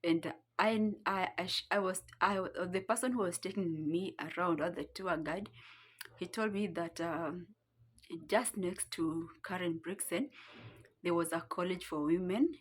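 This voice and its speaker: Sitting on the floor at home, a young Kenyan-accented vlogger tells a casual story, rambling while she hunts for words. Her voice is on the low side, unhurried and slightly rough.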